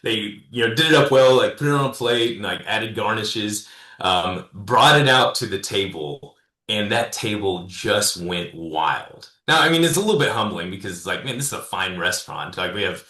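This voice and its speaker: Low bright-voiced man telling stories. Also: expressive, moderate pace, roomy sound. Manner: rambling, many fillers and restarts. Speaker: guest, consultant and speaker. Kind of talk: casual storytelling interview.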